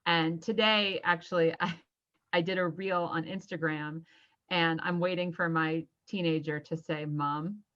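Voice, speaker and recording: A woman guest on a podcast interview, chatty and quick to laugh. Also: on the low side, fairly even intonation, a bit bright, highs cut off. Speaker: guest, social media strategist.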